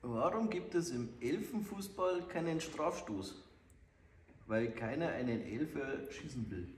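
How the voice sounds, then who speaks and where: Male comedy co-host, mid-pitched with animated melody, casual gag-telling, echoey with slight noise. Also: measured pace. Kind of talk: casual joke-telling banter. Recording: echoey room, faint noise.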